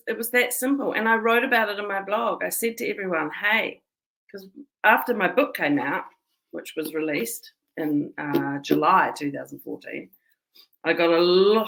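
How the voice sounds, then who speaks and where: A woman's voice: fairly low pitch, fairly bright tone, poor audio. A woman, the community manager of a support site, speaking straight to her members in an earnest, emotional personal address. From New Zealand. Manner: emotional, earnest, tearful at times. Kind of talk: heartfelt personal address to camera.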